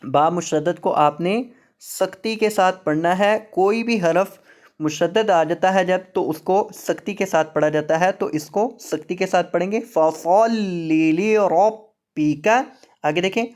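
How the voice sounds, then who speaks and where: A man teaching Quran reading, slowly spelling words letter by letter and patiently repeating the rules. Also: high voice, a little mellow. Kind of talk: online tajweed lesson.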